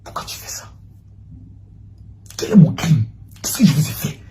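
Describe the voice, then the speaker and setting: A man giving an impassioned, accusatory monologue, swinging between loud outbursts and hushed lines. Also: on the high side, very animated, normal speed. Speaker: public figure answering a former protégée.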